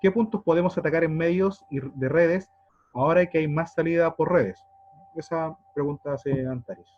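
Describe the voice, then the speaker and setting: A man's voice: a little high, normal speed, dull audio. A man moderating an online talk, hesitantly reading out questions from the chat. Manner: hesitant, repeats words.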